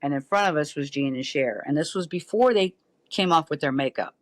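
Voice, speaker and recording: In a dry recording, a middle-aged woman speaks briskly in a low-pitched voice. She's telling a story as a podcast guest in a casual chat, a lively, animated narrator who voices the people she quotes.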